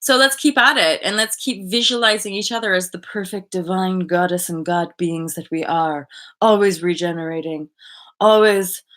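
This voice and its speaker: A woman in her thirties hosting a casual live chat from a bedroom, chatty and animated, full of likes and restarts, heard through a webcam mic. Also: lowish voice, normal speed. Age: 30s. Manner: animated, gestures a lot, laughs often. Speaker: livestream host. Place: bedroom indoors. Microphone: webcam at desk distance.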